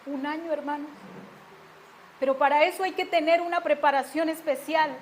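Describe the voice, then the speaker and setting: High-voiced earnest woman preacher. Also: fairly even intonation, moderate pace, slight background noise. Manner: earnest, swings from hushed confessions to emphatic declarations. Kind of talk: sermon with personal testimony.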